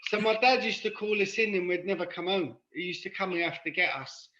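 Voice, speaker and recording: A man's voice: sits high, a little fast, reverberant, muffled recording, noisy background. An Irish-born man with a London accent, a guest in a casual chat, rambling and often asking "do you know what I mean?". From Ireland. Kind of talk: casual conversation.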